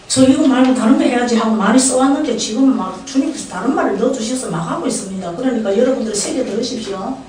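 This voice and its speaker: A woman's voice: on the high side, fast, hardly any pauses, darkish tone. An older woman with a Gyeongsang Korean accent preaching a humorous storytelling sermon, chatting with and questioning the congregation. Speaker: prayer house director preaching. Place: church sanctuary. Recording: echoey church hall, distant mic, poor quality.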